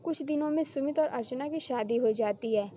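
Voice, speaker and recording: A woman narrating a story in a steady, expressive storytelling manner. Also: high voice, a little fast. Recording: slightly muffled with faint hiss.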